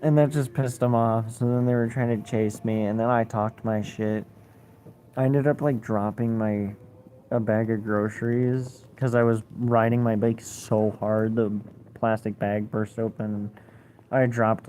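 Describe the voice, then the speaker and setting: A man's voice: on the low side, little pitch movement, unhurried, mellow, a little hiss or hum. A young man telling a rambling, profane story in a casual way, full of fillers.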